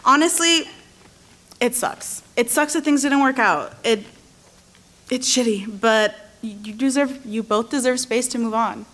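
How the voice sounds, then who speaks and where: A young woman playing a supportive college friend who talks gently and frankly. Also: fairly high pitch, a little slow. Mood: reassuring. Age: young adult. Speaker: student acting in a skit.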